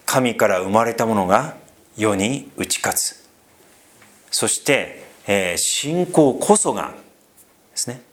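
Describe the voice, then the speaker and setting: Animated man preaching a lively sermon. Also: fairly low pitch, takes it slowly, pauses often. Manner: conversational, animated preaching with frequent fillers. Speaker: pastor.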